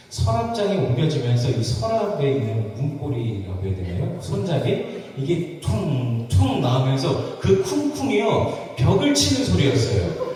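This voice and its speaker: A male pastor preaches with lively, swinging pitch and turns a household story into gentle self-mockery. His voice rings through a long-reverb church hall, picked up from a distance. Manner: animated storytelling, playful self-mocking humor. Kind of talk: sermon with live interpretation. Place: church sanctuary. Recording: echoey church hall from far off.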